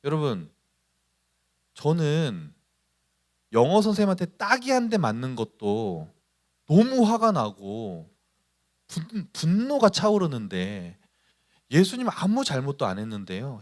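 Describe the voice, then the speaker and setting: A man's voice: medium pitch, wildly swooping pitch, normal speed, pauses often. A man preaching at a youth service, putting on voices for the people he quotes and asking the congregation questions. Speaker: pastor.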